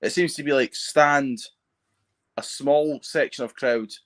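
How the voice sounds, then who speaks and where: Man, co-host, casual chat, hesitant, trails off, mid pitch. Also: steady tone, unhurried, slight background noise. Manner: hesitant, trails off while thinking. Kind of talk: casual chat, live reactions. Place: at home watching TV.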